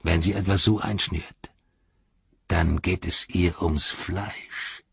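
A man voicing a gruff, bossy male orc captain who barks out orders in an audiobook reading. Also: low-pitched, fairly even intonation, takes it slowly, fairly bright tone, dry recording, lo-fi sound, heavily acted. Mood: barking. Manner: barking, commanding tone.

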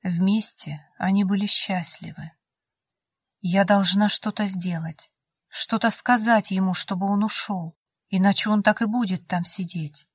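A woman's voice: mid-range voice, steady tone, measured pace, breathy edge, no echo. Woman narrating a novel, dry close sound. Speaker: audiobook narrator. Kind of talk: first-person novel narration.

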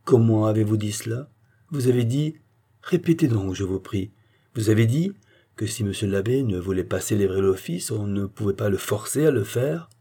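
A man voicing a calm, stubborn village philosopher who argues point by point in an audiobook reading. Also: mid-range voice, moderate pace, slightly rough. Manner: calm, almost gentle, arguing point by point.

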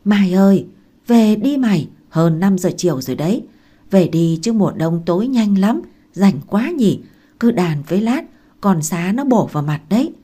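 A woman reading aloud and voicing a blunt, gruff old village woman who scolds loudly and talks coarsely. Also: fairly low pitch, animated, moderate pace. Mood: scolding.

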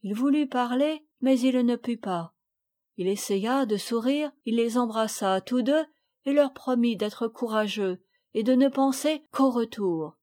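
A woman reading a children's novel aloud as audiobook narrator, telling the story gently and clearly. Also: a little high, a little slow. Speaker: audiobook reader.

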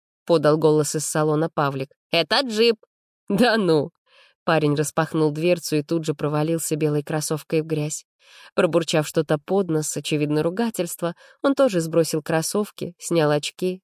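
A woman narrating a novel as an audiobook reader in even, measured storytelling on a close mic. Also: low-pitched, dry recording.

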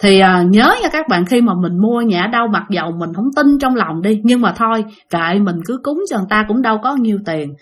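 A woman's voice: medium pitch, expressive, brisk, hardly any pauses, breathy edge. A woman with a Southern Vietnamese accent hosting a ghost-story channel, narrating in a chatty way and talking straight to her listeners. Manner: chatty, addresses listeners directly.

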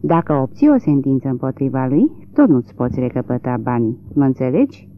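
Un bărbat care dă glas unui judecător bătrân și fragil, neliniștit și ezitant. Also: male voice, medium pitch, very animated. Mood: weary. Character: old, frail, troubled country judge. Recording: tinny lo-fi narrow-band recording.

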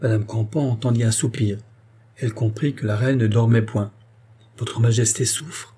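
A man narrating a classic novel as an audiobook, reading in a measured, solemn way. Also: lowish voice, fairly even intonation, dark tone, slightly rough.

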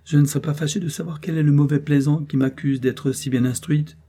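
A man's voice: on the high side, steady tone, a little fast, mellow, slight background noise, pitched above the performer's own voice, lightly acted. A man voicing a proud, nervous aristocratic countess with an imperious, indignant way of questioning, in an audiobook reading. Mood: haughty. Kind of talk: audiobook character voice.

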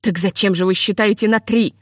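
Woman reading as a weary gentle composer. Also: medium pitch, fairly even intonation, a little fast, dry recording, studio quality, natural voice. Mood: gloomy. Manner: weary, self-reproaching, pleading. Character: anxious gentle middle-aged male composer.

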